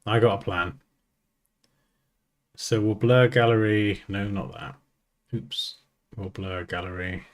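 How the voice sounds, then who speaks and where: A man teaching design software, thinking aloud in a casual, joking way as he works. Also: fairly low pitch, steady tone, slow pace, long pauses. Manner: chatty, thinks aloud, jokes at himself. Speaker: design tutor. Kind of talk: casual screen-recorded software tutorial.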